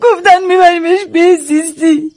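A woman's voice: very high voice, fairly even intonation, a little mellow. A woman acting a distraught young mother who cries and pleads as she talks about losing her child. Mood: sobbing, pleading. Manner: pleading, sobbing. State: crying.

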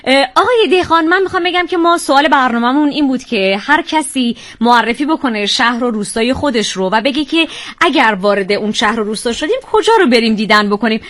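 A woman's voice: high voice, lively intonation, a bit bright. A woman hosting a radio show, interviewing a caller with encouraging interjections.

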